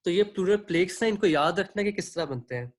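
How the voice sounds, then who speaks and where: A man's voice: sits high, animated, fast. A man teaching an online medical class, explaining at length and checking in often with his students. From Pakistan. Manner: explanatory, checks in often with "theek hai", asks students for questions; clears his throat now and then. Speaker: medical lecturer. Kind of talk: online lecture mixing Hindi-Urdu and English.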